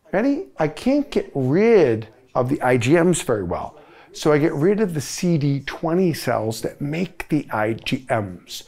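A middle-aged man giving a lively medical review lecture, joking and acting out both sides of little dialogues. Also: fairly high pitch. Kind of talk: lively lecture with comic asides.

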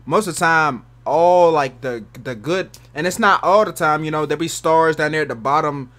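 A man's voice: fairly high pitch, normal speed, a bit bright. A man casually commentating for his viewers in a slangy, rambling way. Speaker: reaction video host.

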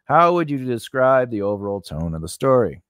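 His mid-range voice is sing-song, a bit bright, clear and resonant, moving at normal speed in a dry, close-miked recording. He hosts an informal screenwriting lesson from a small home studio on a boom-mounted large condenser mic, rambling conversationally with "you know" and "right?"

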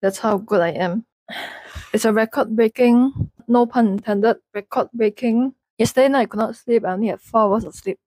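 A woman's voice: on the high side, normal speed, darkish tone, dry recording, rough recording. A woman in her thirties with a Singaporean English accent, chatting casually on her vlog on a lapel mic in an office. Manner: chatty, self-mocking, speeds up in bursts. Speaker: trading educator. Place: office with bookshelves, indoors.

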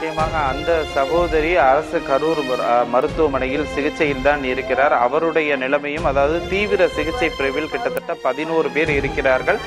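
Higher-pitched man, halting live news reporter. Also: fairly even intonation, over music. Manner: halting, repeats phrases.

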